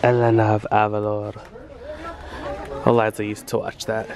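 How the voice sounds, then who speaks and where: A man's voice: on the low side, moderate pace, a crowd in the background. A man vlogging casually while thrift shopping, gushing over finds and talking to himself, recorded on a handheld camera in a store aisle. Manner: gushing, excitable, talks to himself. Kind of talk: casual vlog narration.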